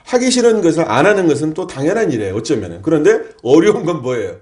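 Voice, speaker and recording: A Won Buddhist minister delivers a sermon to his congregation in a temple hall. His voice sits a little higher than most men's. He leans on rhetorical questions, putting a question to the room and then answering it himself. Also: big pitch swings, quick pace, a little mellow. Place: temple hall during a service.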